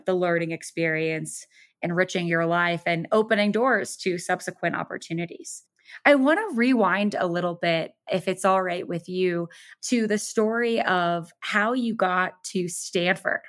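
A woman interviewing a guest, asking long, measured questions sprinkled with "you know". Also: lowish voice, no echo, clean studio sound. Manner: warm, measured questions with many fillers. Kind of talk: podcast interview.

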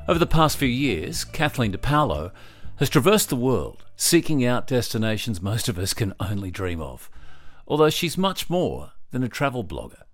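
Lively low-voiced male podcast host. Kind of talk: scripted podcast intro and interview. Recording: intermittent digital static.

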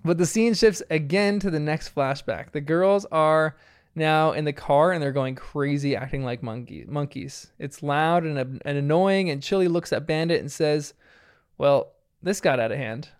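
A man's voice: on the high side, normal speed, clean tone. A man casually recapping a cartoon episode, often laughing as he retells the scenes.

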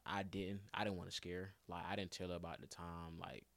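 A man's voice: low-pitched, a little fast, no room sound. A young man telling a story in casual chat, full of slang and laughter, acting out what other people said. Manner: animated storytelling, acts out other people's lines; heavy slang, laughs often.

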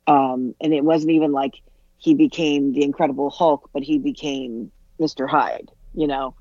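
A man's voice: fairly high pitch, steady tone, darkish tone, no echo. Man on a dull, dry lo-fi mic. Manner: halting, searching for words. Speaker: podcast co-host. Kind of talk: casual podcast chat.

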